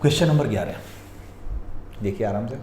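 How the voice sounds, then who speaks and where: A man teaching reasoning practice questions, walking through each answer step by step and telling viewers to pause and look carefully. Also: fairly low pitch, animated, a little mellow. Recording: echoey room, faint noise.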